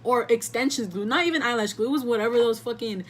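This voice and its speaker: A woman's voice: fairly high pitch, fast talker, a little hiss or hum. A young woman vlogger telling a casual storytime story, chatty and swearing, with lots of "like"s. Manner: animated, chatty, swears, many "like"s.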